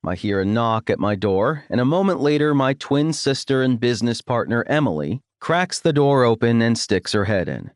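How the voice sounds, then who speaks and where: A man narrating a first-person romance audiobook in a wry, expressive storytelling manner on a studio microphone. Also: mid-range voice, moderate pace, hardly any pauses, no room sound.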